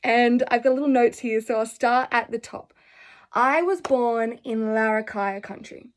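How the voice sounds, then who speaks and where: A young Australian woman, a spiritual vlogger, tells personal stories to camera in an earnest, effusive, rambling way. Her voice is on the high side and a little slow.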